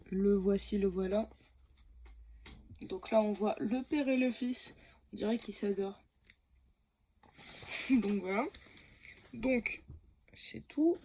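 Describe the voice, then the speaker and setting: A woman's voice: mid-range voice, gravelly, darkish tone, slight background noise. A woman talking casually about comics for her channel, hesitant, with many fillers, self-corrections and frequent laughs. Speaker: comics YouTuber.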